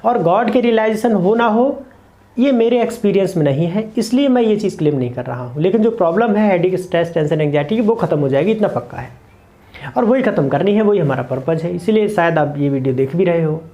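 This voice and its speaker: A man's voice: sits high, expressive, quick pace, warm tone. A man teaching meditation to camera, explaining earnestly and repeating key points in short lists. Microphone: camera mic, speaking to camera.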